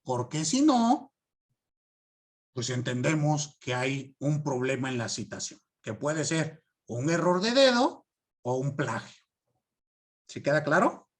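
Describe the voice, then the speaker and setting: A man giving a class lecture, stressing key words and often asking students if it is clear. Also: a little high, sing-song, slow pace. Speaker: law teacher.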